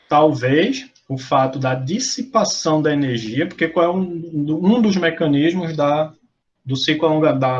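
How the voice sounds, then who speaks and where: A man's voice: fairly high pitch, muffled recording. Man with a Brazilian accent lecturing. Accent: Brazilian Portuguese. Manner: explanatory, frequent fillers and self-corrections. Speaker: lab meeting presenter. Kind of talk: academic lecture with discussion.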